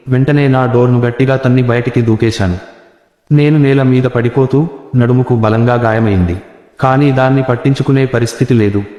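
A man's voice: mid-range voice, a little mellow. A man telling a first-person horror story as scripted narration, tense and suspenseful. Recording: echoey reverberant room.

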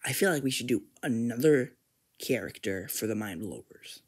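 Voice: mid-range voice, animated, moderate pace, breathy edge. Rick, a stammering mischievous grandpa scientist, voiced by a fan. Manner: stuttering, filler-heavy, sly teasing. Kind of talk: plush toy comedy skit.

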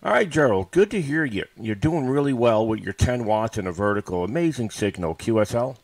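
Speaking in an animated, fairly quick mid-range voice, a man from the USA makes casual amateur radio contacts, using callsigns and radio phrases and frequently repeating himself. He's an operator and livestream host sitting indoors at a computer with a studio microphone connected to his PC.

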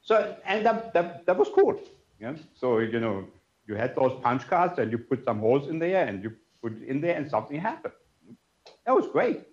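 An older man with a German accent gives a memorial lecture to an audience in a conference room, telling personal stories conversationally and often adding "you know" and "yeah." His voice is mid-pitched for a man at a moderate pace, with lively rising and falling swings. The room sounds roomy and slightly dull and muffled.

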